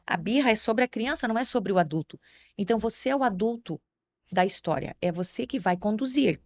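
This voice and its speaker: A woman on a podcast giving calm, step-by-step advice to parents. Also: mid-range voice, brisk, dry recording. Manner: calm, explains step by step and acts out gentle words to a child. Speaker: guest educator.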